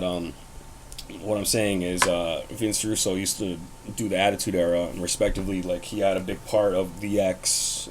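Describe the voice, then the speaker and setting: Young man, deep voice, rambling blunt vlog talk, faint background hum. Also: darkish tone, rough recording. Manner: rambling, blunt and profane, many fillers. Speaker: host. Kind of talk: casual wrestling commentary vlog.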